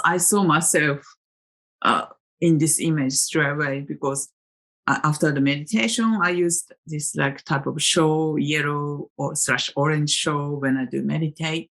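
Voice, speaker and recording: Her voice sits low, gravelly and a bit bright. She's a native Japanese speaker from Japan who vlogs about tarot, rambling casually and reflectively with many fillers and restarts.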